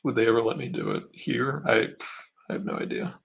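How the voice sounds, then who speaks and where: A man's voice: medium pitch, fairly even intonation, fairly quick, creaky, fairly bright tone. A man hosting a live painting stream, casually explaining each step as he works and answering questions from chat. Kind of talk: casual livestream painting demo.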